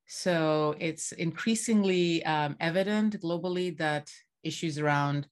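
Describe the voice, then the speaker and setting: A woman with a low voice speaks in measured, academic sentences. She is a geography professor from Bangladesh, thinking aloud as she answers interview questions.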